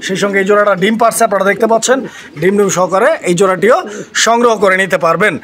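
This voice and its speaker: Man, rapid-fire delivery, high voice, showing off birds at a farm, talks straight to viewers. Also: fairly even intonation, a bit bright, slight background noise. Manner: repeats prices, addresses viewers, haggles. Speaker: vlogger touring a pigeon farm. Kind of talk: casual on-site product presentation. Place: outdoor pigeon farm.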